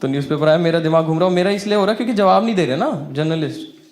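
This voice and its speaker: Animated young male stand-up storyteller. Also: on the high side, racing. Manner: animated, rising to exasperated outbursts. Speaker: stand-up comedian.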